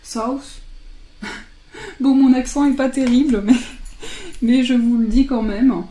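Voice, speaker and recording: A woman casually presenting oracle card decks, chatting and laughing softly at herself as she translates card titles aloud. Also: high voice, fairly even intonation, measured pace, echoey room.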